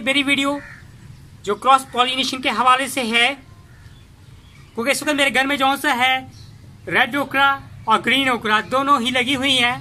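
A man hosting a casual gardening tutorial in his home garden, talking in a halting way with many fillers and restarts. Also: extremely high pitch, bright, forceful tone, slight background noise. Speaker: gardening channel host.

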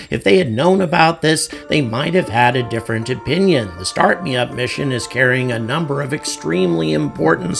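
A man's voice: medium pitch, creaky. An American man hosting street interviews and narrating his own commentary in an earnest, explanatory way. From United States. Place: city street outdoors. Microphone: handheld mic.

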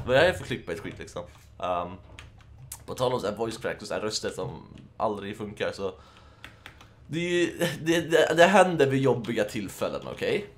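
A man's voice: medium pitch, a bit bright. A young man from Sweden, a gaming YouTuber, giving casual, joking let's-play commentary, swearing and laughing in bursts while feeling a bit under the weather.

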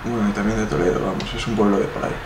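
A young Spanish-accented artist from Spain, in his twenties, talks very fast in a lowish, steady-toned voice. He wanders through interview answers with plenty of fillers, recorded in a noisy, echoing indoor room.

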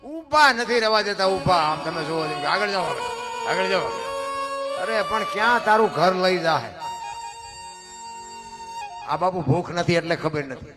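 A man's voice: high voice, lively intonation, a little slow, pauses often. A man giving a devotional sermon, telling a saint's story in a folksy way and voicing its characters. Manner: folksy, addresses listeners as bapu, voices characters in stories. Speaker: spiritual storyteller. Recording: music playing behind.

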